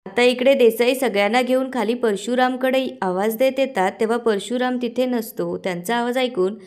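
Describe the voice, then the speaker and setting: Fairly high-voiced woman recapping a serial. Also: moderate pace, a little mellow. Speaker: narrator. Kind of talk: episode recap narration.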